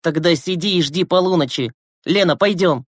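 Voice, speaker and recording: Male reader as a forceful, impatient teen boy in a storybook, dry close recording. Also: fairly high pitch, normal speed, no echo, voice pushed up, close to an everyday voice. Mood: urgent. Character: brash, impatient teenage boy leader.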